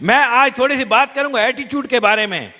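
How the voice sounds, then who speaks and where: A man's voice: very high-pitched, fairly quick, sharp tone. A man interpreting a speech live, fluent and conversational, with small restarts. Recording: long hall reverb.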